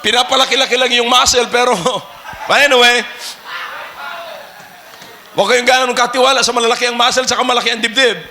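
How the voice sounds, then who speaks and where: A male pastor with a Filipino accent preaching an animated sermon, mixing Filipino and English and rising to shouts. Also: extremely high pitch, a little fast, long pauses, slight background noise.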